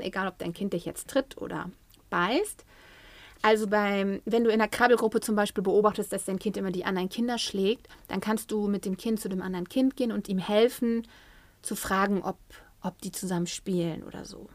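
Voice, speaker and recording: A woman's voice: medium pitch, moderate pace, dry recording. Woman giving parenting advice, dry sound. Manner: lively, acts out quoted parents and children. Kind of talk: advice talk.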